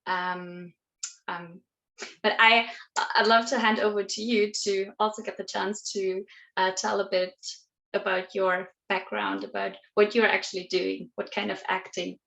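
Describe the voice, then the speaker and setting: A woman's voice: mid-range voice, flat delivery, unhurried, gravelly, fairly bright tone, rough recording. A woman hosting an interview show, upbeat and encouraging, with some hesitant restarts. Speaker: interview host.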